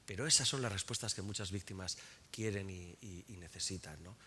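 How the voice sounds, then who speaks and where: Man, author at a live presentation, low pitch, frank, colloquial, repeats himself mid-thought. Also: a little fast, pushed and bright, a little hiss or hum. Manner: frank and colloquial, swears often; restarts and repeats words while thinking. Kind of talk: spontaneous talk at a public book presentation.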